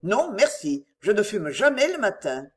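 A man's voice: sits high, sing-song, a little slow, fairly bright tone, exaggerated voice. A woman voicing a flustered elderly male doctor, a stern father reacting with incredulous exasperation in a storybook reading.

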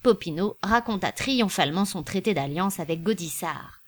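Brief: female audiobook narrator, expressive, lively intonation, measured delivery. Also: on the low side. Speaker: audiobook reader.

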